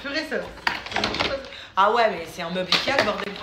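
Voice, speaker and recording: This casual home vlog features a woman whose medium-pitched voice is animated and fairly quick as she teases her family, laughs with them, and quickly grows exasperated. It was recorded indoors in an echoey room full of loud noise.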